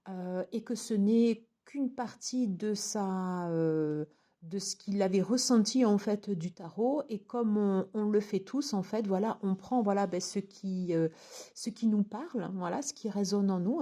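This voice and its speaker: A woman talks through a tarot deck and its guidebook in a relaxed, chatty way. Her voice is warm and mellow at a middle pitch. She often stops, restarts and fills gaps as she goes. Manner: chatty, many fillers and restarts. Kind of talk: casual unboxing review.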